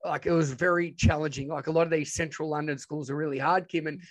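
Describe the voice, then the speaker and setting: Higher-pitched man with a broad Australian accent. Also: fairly even intonation, fast. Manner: enthusiastic, informal, chatty. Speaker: podcast guest, educator and presenter. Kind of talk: casual interview storytelling.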